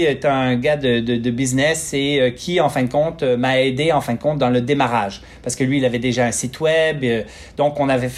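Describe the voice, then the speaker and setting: A man in his forties with a Quebec French accent, a physiotherapist talking as a podcast guest, pausing often with fillers and restarts. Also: medium pitch. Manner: hesitant, many fillers and restarts. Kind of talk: casual interview talk.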